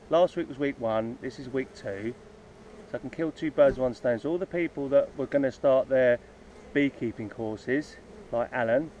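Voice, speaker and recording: In this casual, unscripted video, a hobby beekeeper rambles outdoors near his beehives, stopping and restarting with lots of ums as he lays out his plans. He has a mid-range, slightly mellow voice, and a little hiss or hum joins the dull lo-fi sound and faint insect buzz.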